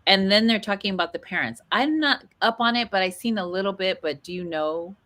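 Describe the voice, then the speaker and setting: A woman's voice: mid-range voice, lively intonation, fairly quick, pushed and bright. A middle-aged woman co-hosting a show, chatting casually and greeting listeners by name. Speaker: radio co-host. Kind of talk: casual chat.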